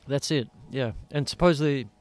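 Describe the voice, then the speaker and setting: An Australian podcast host rambles through casual chat, cursing freely, from a small dim studio where he uses headphones and a studio mic on a boom arm. His voice is medium-pitched and darkish in tone, at a moderate pace.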